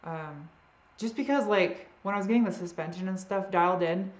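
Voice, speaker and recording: A woman's voice: medium pitch, moderate pace, echoey room. A woman with a trace of a Boston accent hosting a live Q&A, chatting casually and trailing off often as she answers viewer questions. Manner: rambling and unsure, often trailing off.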